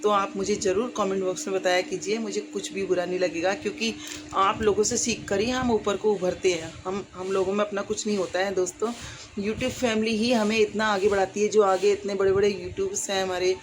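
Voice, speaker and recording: A woman's voice: mid-range voice, fairly even intonation, a little fast, background noise. Earnest woman vlogger talking to viewers. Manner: earnest, heartfelt, rambling with many fillers. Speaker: YouTuber. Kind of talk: casual talk to viewers.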